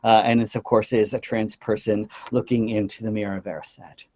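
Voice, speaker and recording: A man giving an earnest conference talk about his slides, often pausing on "uh" and "you know" and briefly slipping into high mocking voices for quotes. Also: level tone, darkish tone. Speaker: conference presenter.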